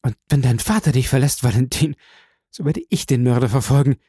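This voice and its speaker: A man's voice: mid-range voice, brisk, dark tone, breathy edge, no room sound, clean studio sound, close to an everyday voice. A man voicing a passionate, grief-stricken young man who speaks in fervent, insistent repetitions. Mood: vowing.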